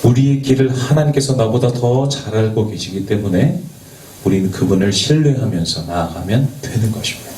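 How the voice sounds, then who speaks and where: A man's voice: lowish voice, lively intonation, brisk. Guy youth pastor giving a sermon, mic kinda far off, roomy echo, faint hiss behind. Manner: earnest preaching with rhetorical questions to the youth; stumbles over words and jokes about it. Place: church worship space. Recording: echoey, from a distance, faint background noise.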